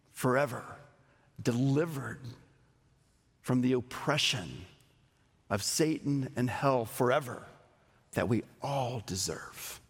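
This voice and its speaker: A man preaches in a church sanctuary, his gravelly voice trailing off into a long hall reverb. He takes his time, leaning on single words and leaving dramatic pauses between them. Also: medium pitch. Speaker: pastor. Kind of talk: sermon.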